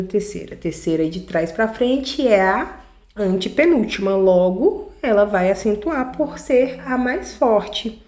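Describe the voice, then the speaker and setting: A woman's voice: medium pitch, warm tone. A woman with a Brazilian Portuguese accent, a teacher giving a recorded grammar lesson, explaining step by step and often checking in with the class. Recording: echoey room.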